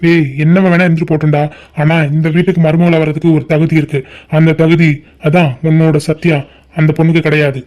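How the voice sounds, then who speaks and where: A man plays a stern middle-aged cartoon father who scolds and barks orders at his family. The voice sits fairly high yet sounds mellow and soft-edged. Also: flat delivery, brisk, lightly acted. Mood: angry. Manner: scolding, commanding. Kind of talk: cartoon family drama voicing.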